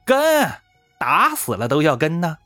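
A man voicing a sly, fawning male warlord in a storytelling show, with flattering, nervous chuckles. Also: a little high, unhurried, no room sound, soft background music, heavily acted.

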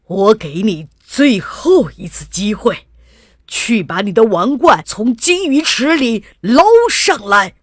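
A woman voicing a stern king father in a children's storybook, loud and commanding. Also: lively intonation, takes it slowly, pauses often, no room sound, studio quality, heavily acted. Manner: commanding, booming. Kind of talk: storybook character voice.

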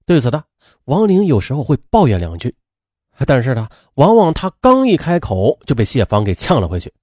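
Lively man retelling a true-crime story. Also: mid-range voice, fairly quick, no room sound, studio quality. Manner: chatty retelling with frequent fillers.

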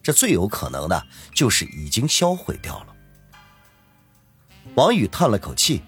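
A man's voice: lowish voice, huge pitch swings, normal speed, soft background music. A man narrating a serialized web novel in a dramatic storytelling manner. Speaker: audiobook narrator.

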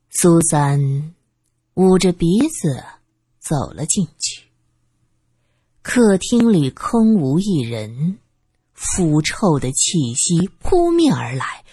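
A woman tells a serialized story with expressive, lively delivery. Her voice is husky and moves widely in pitch. The recording is dry and close. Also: dry recording. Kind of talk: storybook narration.

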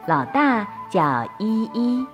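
A woman narrating a bedtime story for children, gentle and sing-song. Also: on the high side, big pitch swings, takes it slowly, muffled recording, faint music behind.

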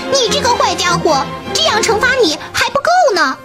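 A woman voicing a small, loyal and fierce sparrow in a bedtime story, chirpy and quick-tongued. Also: big pitch swings, loud music behind the voice. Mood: scolding. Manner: chirpy, rapid and shrill when angry. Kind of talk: storybook character voice.

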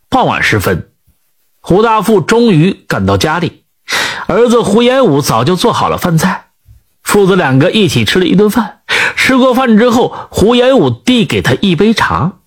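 A man narrating a folk tale in an expressive, animated storytelling manner. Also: sits high, slightly rough.

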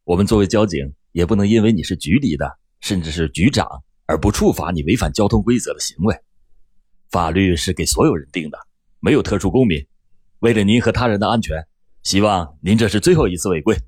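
A man voicing a calm, polite young male traffic officer who speaks steadily. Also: deep voice, fairly quick, slightly rough, no room sound, studio quality, voice pushed down. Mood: lecturing.

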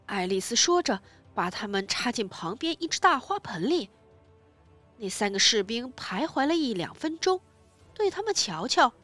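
A woman narrating a children's story aloud in an expressive reading voice. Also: fairly high pitch. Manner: slow, expressive, lively storytelling.

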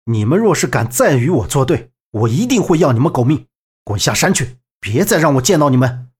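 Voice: medium pitch, sing-song, fairly quick, husky. A man voicing a stern, ruthless young male sword hero who speaks with cold contempt.

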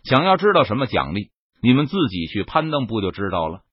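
A man voicing a calm, unflappable young male cultivator hero who answers in a cool, slightly mocking way. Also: mid-range voice, moderate pace, husky, dry recording, highs cut off. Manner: cool and composed, a bit mocking.

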